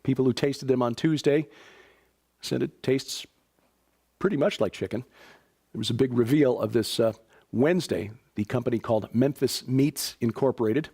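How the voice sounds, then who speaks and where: A slightly rough, dark-toned mid-range voice belongs to this Chicago news host, who speaks at a normal speed. He chats through stories and announcements casually, adding fillers and dry asides.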